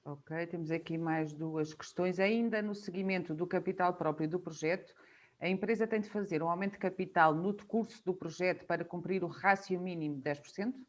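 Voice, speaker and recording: A woman's voice: lowish voice, fairly quick. A woman with a European Portuguese accent moderating a webinar, reading out audience questions with hesitant "eh" fillers. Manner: hesitant, fills with "eh". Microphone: video call.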